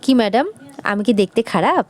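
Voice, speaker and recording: A woman's voice: medium pitch, animated, brisk, no echo, lightly acted. A woman voicing a bashful man, a book salesman, who pleads and whines for an order. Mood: pleading. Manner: whiny, pleading.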